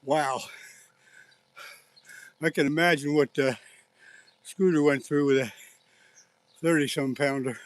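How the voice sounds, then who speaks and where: Man, slightly high voice, excited, breathless, outdoor riverbank, phone mic. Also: takes it slowly, pauses often, no echo. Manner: excited, exclaiming often. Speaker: fishing livestreamer. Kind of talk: live fishing stream chat.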